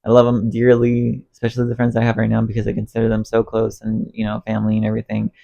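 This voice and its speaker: A man with a lowish, gravelly voice rants quickly to camera while cleaning his bedroom, congested and losing his voice. His emotional rambling and self-talk swing expressively. Recorded on a phone on a stand under a ring light, the audio has its highs cut off.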